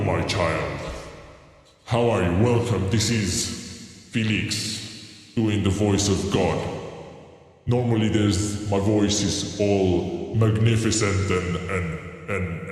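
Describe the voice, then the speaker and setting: A man voicing God as a mighty all-knowing deity, speaking in a slow, grand, paternal way with heavy reverb on his voice. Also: darkish tone. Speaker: live streamer. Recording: echoey booming long-reverb effect.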